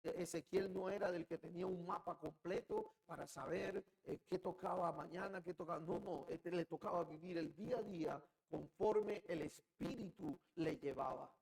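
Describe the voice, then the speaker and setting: A male pastor with a Colombian Caribbean Spanish accent preaching a sermon, moving from quiet musing to loud, shouted outbursts. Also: high voice, normal speed, vocal fry, few pauses, poor audio.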